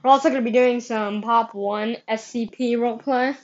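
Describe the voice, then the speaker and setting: A woman's voice: a little high, steady tone, normal speed, darkish tone, highs cut off. A woman hosting a live gaming stream, chatty and upbeat, heard through livestream headset mic audio. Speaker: livestream host.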